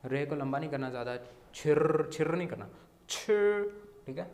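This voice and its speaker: Pakistani man teaching Mandarin in an echoey room. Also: medium pitch. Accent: Pakistani Urdu. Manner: repeats sounds slowly, many "theek hai" checks. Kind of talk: language lesson explaining words.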